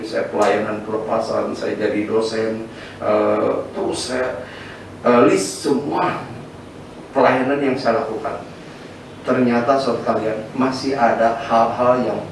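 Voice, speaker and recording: A male pastor giving an animated sermon, swinging his pitch up and down and often restarting words. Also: far from the mic, a little hiss or hum. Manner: animated preaching, sweeping pitch, frequent fillers and restarts. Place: church sanctuary. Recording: echoey church hall from afar with faint ambience.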